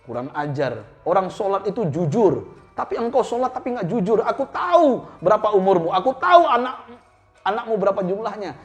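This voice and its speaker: A preacher voicing a brash, quick-tempered young man who speaks in a loud, indignant voice. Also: high voice, very animated, soft background music, voice pushed up. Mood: angry.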